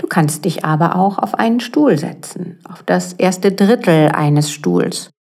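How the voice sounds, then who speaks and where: A woman leading a guided mindfulness exercise as a yoga guide, speaking calmly and gently with unhurried pauses. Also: on the low side. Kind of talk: guided meditation narration. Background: soft relaxation music.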